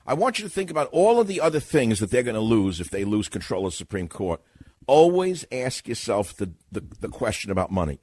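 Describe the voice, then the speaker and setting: A man hosting a talk radio show, giving a sarcastic, indignant monologue that swings from muttering to loud outbursts in a studio. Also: on the low side, no room sound. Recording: dry studio mic.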